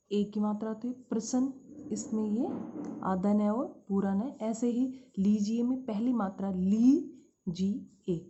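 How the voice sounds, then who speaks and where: A woman's voice: medium pitch, mellow. Hindi teacher woman, dull lo-fi recording. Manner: addresses students as "beta", asks and answers own questions. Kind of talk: spelling lesson for schoolchildren. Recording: dull lo-fi sound.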